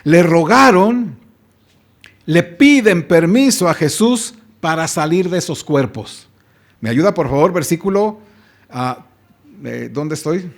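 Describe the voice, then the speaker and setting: High-voiced preacher, emphatic. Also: male voice, lively intonation, takes it slowly. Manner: emphatic preaching, calls listeners beloved brothers, frequent rhetorical questions. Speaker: pastor. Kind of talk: sermon.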